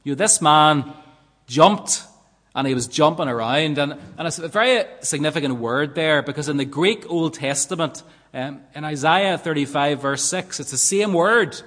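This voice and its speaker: A fairly high-voiced man delivers an earnest sermon, pressing his points and asking rhetorical questions. The sound has a long, ringing reverb from a large church hall. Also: moderate pace, fairly bright tone. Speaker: preacher.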